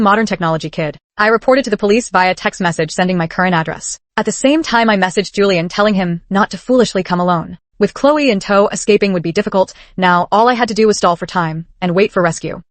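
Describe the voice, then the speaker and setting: A woman giving scripted audio-novel narration in a cool, deadpan inner-monologue manner. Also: mid-range voice, dry recording.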